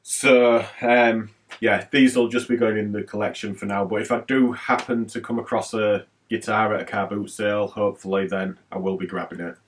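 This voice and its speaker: Chatty man, low voice, slightly off mic. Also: little pitch movement, normal speed, far from the mic. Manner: chatty and rambling, with many fillers. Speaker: retro gaming YouTuber. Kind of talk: casual haul vlog talk.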